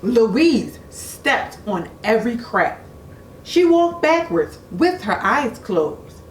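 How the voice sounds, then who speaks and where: A woman reading a children's storybook aloud in an expressive, deliberate way, like a teacher at storytime. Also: a little high. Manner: expressive, deliberate, engages young listeners with questions. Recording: echoey room with faint noise.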